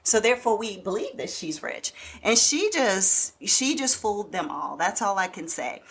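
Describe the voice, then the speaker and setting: A woman's voice: medium pitch, sing-song, moderate pace, a little hiss or hum. A woman co-hosting an entertainment podcast, chatting casually and chattily with many fillers and asides. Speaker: podcast co-host.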